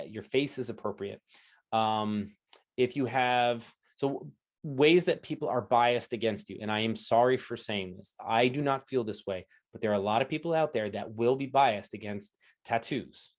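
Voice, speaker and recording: A man giving an energetic online coaching talk, standing as he speaks and often checking in with "right?" and "okay?". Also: on the low side. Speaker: interview coach presenting a talk. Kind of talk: lively coaching talk to an audience. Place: indoors at home, standing while presenting.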